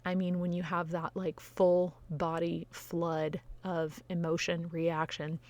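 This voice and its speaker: A woman's voice: lowish voice, level tone, takes it slowly, darkish tone. A woman life coach giving frank, conversational advice straight to her viewers, often tagging her points with "you know" and "right?". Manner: frank, occasionally swears. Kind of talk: direct-to-camera advice talk.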